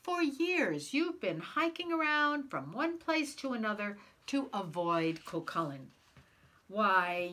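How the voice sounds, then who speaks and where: A woman's voice: medium pitch, fairly bright tone, heavily acted. A woman reading as a clever, coaxing wife. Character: worried wife, clever, coaxing, sweet-talking. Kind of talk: storybook read-aloud.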